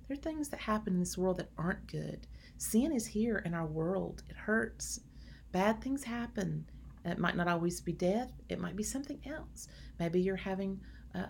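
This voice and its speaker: A woman in her thirties giving an earnest, gentle devotional talk to her viewers, speaking in a preacherly way. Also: lowish voice, gravelly, a little hiss or hum. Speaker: homemaking channel host.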